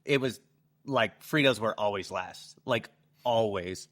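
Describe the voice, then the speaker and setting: A podcast co-host with a lowish, slightly bright voice chats casually with a friend, speaking a little slowly. He laughs hard, teases his friend, and swears now and then.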